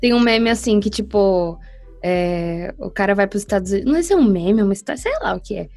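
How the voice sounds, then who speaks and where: A woman's voice: medium pitch, animated, fast, creaky, a little mellow, soft background music. A woman co-hosting a casual podcast who works in radio, jokey and slangy, laughing a lot. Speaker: podcast co-host.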